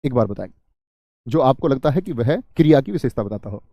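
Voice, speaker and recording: A man's voice: mid-range voice, lively intonation, dark tone, no room sound, studio quality. A man teaching Hindi grammar to an online exam-prep class, who asks the class questions and then answers them himself. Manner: explains slowly and repeats key terms.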